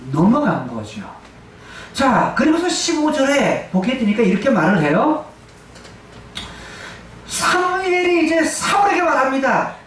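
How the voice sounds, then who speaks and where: A man's voice: very high-pitched, a little hiss or hum. A male pastor preaching a sermon, emphatic, asking and answering his own questions. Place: church sanctuary. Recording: echoey church hall, distant mic.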